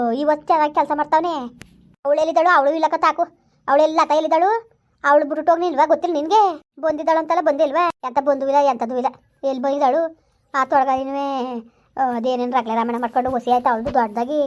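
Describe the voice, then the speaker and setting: A woman's voice: sits high, highs cut off. A woman in a village comedy skit who pleads and complains. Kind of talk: village drama dialogue.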